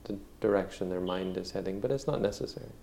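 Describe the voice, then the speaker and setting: A man teaching meditation, answering questions in a calm, measured way, often saying "you know". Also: deep voice, vocal fry, a little hiss or hum. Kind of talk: answering questions in a dharma talk.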